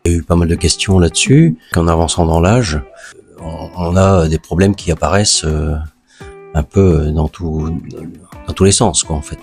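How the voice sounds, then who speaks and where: A retired man in his late sixties, speaking haltingly with many fillers in an interview. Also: low-pitched. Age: 60s. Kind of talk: interview testimony. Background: soft guitar music.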